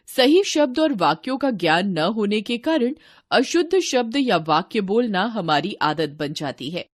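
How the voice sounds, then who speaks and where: A woman's voice: mid-range voice, no echo, clean studio sound. A woman reading a textbook lesson to children. She speaks in scripted lesson narration and says each example word twice.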